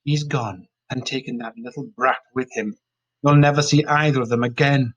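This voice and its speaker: A man's voice: medium pitch, fairly even intonation, moderate pace, lo-fi sound, close to an everyday voice. A man voicing a cruel, haughty old aristocratic mother with a sneering manner, in a storybook reading.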